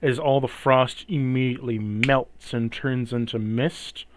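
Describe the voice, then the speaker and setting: A man's voice: mid-range voice, steady tone, a little slow, slight background noise. A man narrating a tabletop fantasy game as its game master, explaining events and rules to players.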